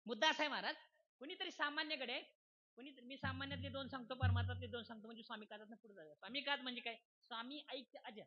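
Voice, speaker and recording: Captured on a dull lo-fi recording, a male kirtan preacher speaks at a quick pace with an extremely high pitch. His devotional sermon is funny and folksy, and he frequently makes sure his audience is keeping up.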